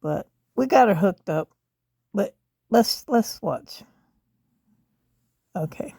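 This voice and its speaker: An older woman gives a casual home update in a hoarse voice full of gravel, as if her throat is sore. She rambles in a folksy, blunt way, with a mellow tone that creaks heavily. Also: medium pitch, lively intonation, slow pace, no room sound, clean studio sound. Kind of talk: casual update about a rescued stray kitten. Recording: faint noise, muffled at times by mask.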